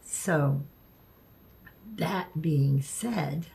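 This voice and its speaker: A woman vlogging casually, speaking haltingly and stumbling over words, with the lisping, slurred sound of missing front teeth. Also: sits low, vocal fry, warm tone. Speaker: video creator. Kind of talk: casual spoken vlog, partly reading aloud.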